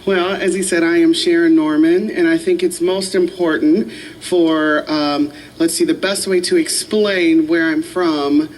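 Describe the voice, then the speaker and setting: Slow-talking woman pastor in a chapel. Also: fairly low pitch, fairly even intonation, darkish tone, recorded from a distance, poor audio. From Michigan, USA. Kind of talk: panel discussion in chapel. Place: university chapel.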